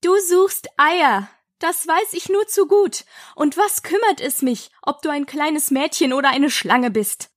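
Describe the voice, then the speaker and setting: Woman voicing a shrill scolding pigeon. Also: a little slow, no echo, clean studio sound. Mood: contemptuous. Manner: shrieking, indignant, scolding. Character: shrill fretful female pigeon guarding eggs. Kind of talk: storybook reading.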